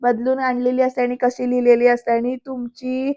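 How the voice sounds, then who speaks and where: A woman's voice: on the high side, completely flat delivery, fairly quick, mellow, muffled recording. A woman narrating a voice-over episode review in a chatty way, talking straight to the viewers. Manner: chatty, addresses the viewers directly. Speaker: serial reviewer.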